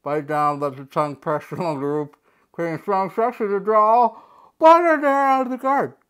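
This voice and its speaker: A woman's voice: medium pitch, moderate pace, clear, resonant tone. A woman hosting a casual unboxing vlog, talking with a mouthguard in, playful and jokey as she reads instructions aloud. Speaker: unboxing video host.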